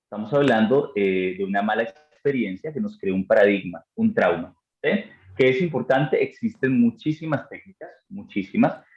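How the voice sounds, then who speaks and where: A man's voice: lowish voice, animated, normal speed, hardly any pauses, faint music behind. A man teaching a live online class on mind and meditation, answering chat questions in an encouraging, effusive way, with hesitant fillers as he thinks aloud. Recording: dull, roomy sound.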